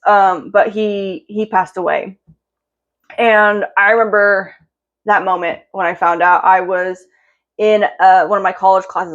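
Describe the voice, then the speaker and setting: A woman's voice: mid-range voice, lo-fi sound. A young woman vlogger telling a heartfelt personal story in a rambling way, full of fillers and restarts, and emotional close to tears.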